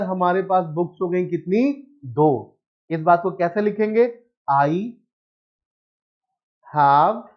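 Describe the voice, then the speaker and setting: High-voiced man teaching online. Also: lo-fi sound. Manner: questioning, answers his own questions in students' voice; mixes English phrases into explanation. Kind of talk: online exam-prep lesson.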